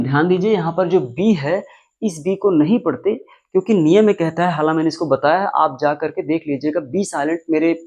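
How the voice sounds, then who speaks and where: A man teaching pronunciation with step-by-step classroom explanations. He repeats each example word slowly and with extra stress, using patient, repetitive teacherly phrasing. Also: sits high. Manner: stretches and stresses example words, repeating them slowly and louder.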